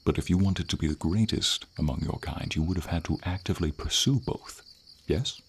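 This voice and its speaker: Light rain and nighttime insects make a steady hiss behind a man acting out a scripted fantasy ASMR scene as a gentle, wise dragon. His voice is very deep and gravelly, his manner earnest and encouraging, and he speaks formally in slow, measured phrases with thoughtful pauses.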